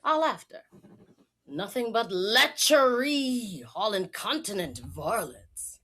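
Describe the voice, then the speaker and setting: Woman playing a hammy, sneering fool with wildly swooping pitch. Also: big pitch swings, takes it slowly, a bit bright, slight background noise. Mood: scornful. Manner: hammy, declamatory stage delivery. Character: scurrilous, sneering fool railing at warriors and lovers. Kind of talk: theatrical Shakespearean stage acting.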